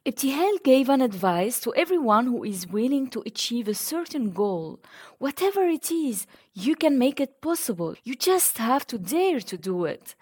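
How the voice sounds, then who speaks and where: A woman's voice: fairly high pitch, big pitch swings, moderate pace, darkish tone, slightly rough. A woman with a Tunisian North African accent narrating a scripted piece as a podcast host.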